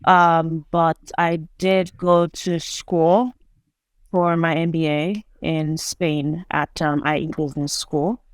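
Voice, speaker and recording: A woman from Nigeria, a guest on a video call, telling her story in a relaxed, chatty way. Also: sits low, slow, smooth, dry recording, studio quality. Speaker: guest entrepreneur. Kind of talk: casual interview.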